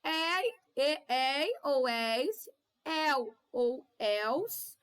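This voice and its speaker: A woman with a Brazilian Portuguese accent teaching young children in a recorded class, with drawn-out syllables and constant "tá?" checks. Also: sits high, sharp tone. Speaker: primary school teacher.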